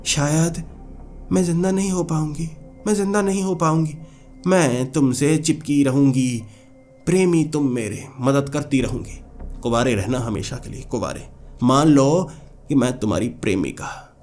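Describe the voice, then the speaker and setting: A man's voice: fairly high pitch, a little slow, darkish tone, faint music behind, natural voice. A man voicing a cursed, hot-tempered old female witch spirit who talks in a pleading, lovelorn way in a spoken horror story.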